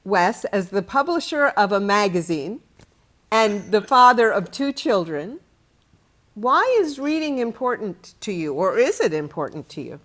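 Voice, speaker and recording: A woman hosting a children's book discussion, explaining things clearly and deliberately. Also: medium pitch, big pitch swings, a bit bright. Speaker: host of a children's book show. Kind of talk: book discussion and word lesson.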